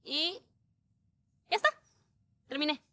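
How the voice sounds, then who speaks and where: A woman's voice: sits high, lively intonation, slow, sharp tone, no room sound, exaggerated voice. An actress in her twenties with a Peruvian accent, playing a playful, chatty young woman in a TV comedy-drama. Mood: playful, instructing. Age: 20s. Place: outdoors in a park. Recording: faint outdoor background noise.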